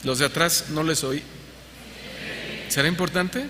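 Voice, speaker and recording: A Mexican man preaching in a church hall, his high, strikingly bright voice ringing out with a long reverb. Faint noise hums behind him as he questions the congregation and mimics others in exaggerated tones. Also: measured pace. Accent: Mexican Spanish. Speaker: pastor. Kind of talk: sermon.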